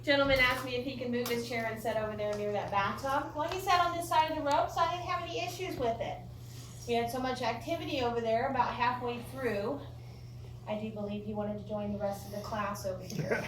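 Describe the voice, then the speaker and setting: American female ghost tour guide, informal and jokey storyteller, fairly high voice, picked up from afar with clear noise. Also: steady tone, brisk. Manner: folksy, joking, chatty storytelling. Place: indoor room of an old theatre. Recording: roomy echo, distant mic, clear background noise.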